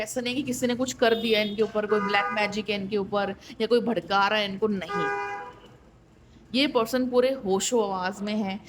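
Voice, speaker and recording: A woman's voice: mid-range voice, a little hiss or hum. A woman doing a tarot reading who speaks straight to the viewer. She talks plainly and keeps checking in with her listener. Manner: direct and conversational, often checks in with "ठीक है"; repeats points for emphasis, with wry disbelief. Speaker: tarot reader.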